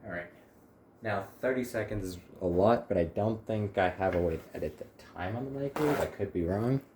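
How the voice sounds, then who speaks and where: A man's voice: lowish voice, a little fast, a little mellow, slight background noise. A man chatting casually to the camera while cooking in his home kitchen, rambling with wry little asides. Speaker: home cook, channel host.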